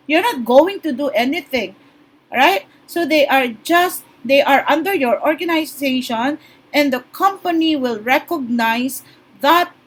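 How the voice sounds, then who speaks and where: A woman presents a business opportunity in an instructional way. Her voice is high and her delivery is slow and deliberate. She repeats key points and punctuates them with short check-in tags. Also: rough recording. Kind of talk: explanatory sales presentation.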